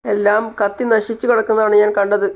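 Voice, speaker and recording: A man's voice: high voice, level tone, brisk. A woman voicing a panicked male night watchman who wails frantically. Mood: pleading. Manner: wailing, frantic.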